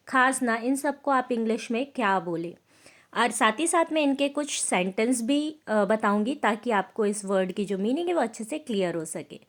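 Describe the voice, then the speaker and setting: A woman teaching vocabulary, saying each sentence slowly twice for learners. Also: fairly high pitch. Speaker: English teacher. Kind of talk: English vocabulary lesson in Hindi.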